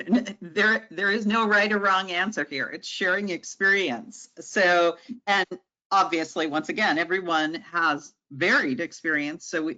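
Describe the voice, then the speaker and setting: A woman moderates a panel in a very slow, halting way, with a string of fillers and repeated words. Her tone is bright and sharp. The recording is dull and lo-fi. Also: fairly low pitch.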